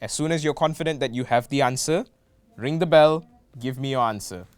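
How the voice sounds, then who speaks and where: A man's voice: mid-range voice, a little fast, smooth, dry recording, soft background music. A young man hosting a student game show, playful with jokey asides. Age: young adult.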